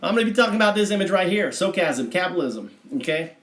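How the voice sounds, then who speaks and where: A man fakes an American Southern accent to play a brash, folksy redneck livestream host, talking fast in a high, expressive, fairly bright voice. Chatty and folksy, he rambles, boasts and swears casually to viewers. The audio is roomy and echoing.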